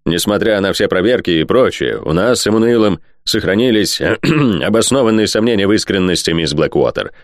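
A man's voice: fairly low pitch, lively intonation, brisk, no echo, clean studio sound. Man doing a cold smug aristocrat lord, lecturing, audiobook reading. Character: cold, scheming aristocrat lord, smooth and condescending.

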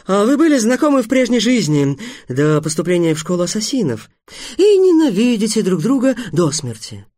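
A man voicing a gleeful, eccentric male teacher at a school for assassins, speaking in exalted, theatrical bursts that climb high. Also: unhurried, dry recording, studio quality, close to an everyday voice. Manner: exalted, theatrical, rising to high excited peaks.

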